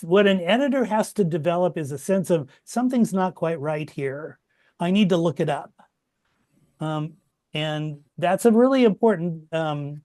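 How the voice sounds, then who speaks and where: A middle-aged man teaching a copyediting workshop over a video call, relaxed and chatty, with many fillers and restarts. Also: fairly high pitch. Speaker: workshop instructor. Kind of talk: informal online workshop teaching.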